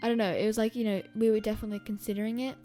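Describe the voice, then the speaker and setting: Young woman from Australia, podcast host, rambling casual chat, higher voice, faint music behind. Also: flat delivery, racing, dark tone. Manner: rambling, many fillers and laughs.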